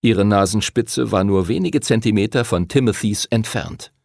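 A man narrating an audiobook in an expressive storytelling manner. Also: fairly low pitch, normal speed, gravelly, dry recording, studio quality.

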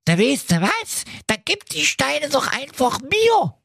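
A squeaky eager boy piglet. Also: huge pitch swings, takes it slowly, creaky, fairly bright tone, no echo, studio quality, heavily acted. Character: squeaky little boy piglet, friendly and naive.

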